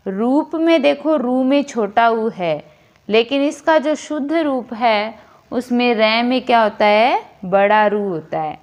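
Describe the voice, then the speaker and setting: A woman teacher explaining a grammar lesson slowly and deliberately, repeating each word as she corrects it. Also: a little high, lo-fi sound.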